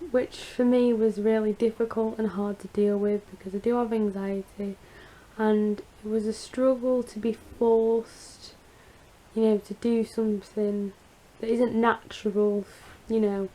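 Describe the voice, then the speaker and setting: A woman with a croaky, creaky voice after surgery, chatting casually in a rambling, confiding personal vlog update. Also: on the high side, little pitch movement, unhurried, dark tone, poor audio. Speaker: vlogger.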